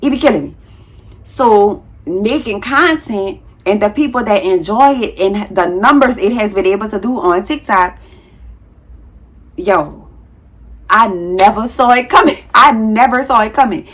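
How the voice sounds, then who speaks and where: A woman in her thirties, a nurse, chatting casually to her viewers in a vlog, talking fast with a heavy tongue and sometimes tripping over words. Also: medium pitch, expressive, a bit bright. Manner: frank, slangy, addresses viewers as y'all. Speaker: nurse and content creator.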